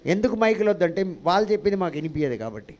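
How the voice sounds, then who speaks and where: A man's voice: sits high, big pitch swings, rapid-fire, a little mellow. A male pastor preaching a sermon, calling out to the congregation for responses and dropping in English phrases.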